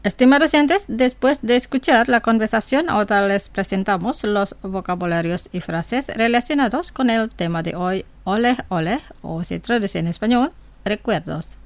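A woman presenting a scripted radio language lesson, speaking slowly and carefully and saying each word twice. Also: medium pitch, dry recording, soft background music.

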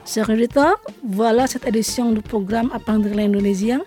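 A woman presenting a scripted radio language lesson, saying each phrase slowly twice and then translating it. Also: a little high, fairly even intonation, music in the background.

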